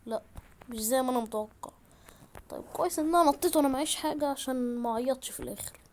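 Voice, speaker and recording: Egyptian woman, fast excitable gameplay commentary at home, slightly high voice. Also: a little hiss or hum. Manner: excitable, chatty, talks to viewers. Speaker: gaming YouTuber. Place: at home, in a room.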